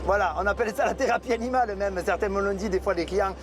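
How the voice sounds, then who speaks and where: Loud fast-talking farmer man. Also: high-pitched. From Italian descent. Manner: loud, talks with his hands. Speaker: farmer running a farm cabaret. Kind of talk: interview.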